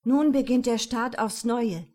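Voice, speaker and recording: Naive little fir tree from a storybook, woman reading it, earnest and wondering, slow and highish. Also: warm tone.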